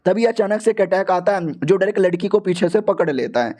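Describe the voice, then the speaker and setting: High-voiced, jokey male recap narrator. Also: lively intonation, a little mellow. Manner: jokey, fast-talking, mocking asides. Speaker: storyteller. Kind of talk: comic storybook recap.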